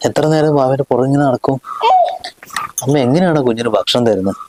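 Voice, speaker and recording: A man's voice: mid-range voice, fairly quick, dark tone, a little hiss or hum, poor audio. A man acting as a father in a family short film, coaxing a crying baby to eat and getting exasperated. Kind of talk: domestic drama acting.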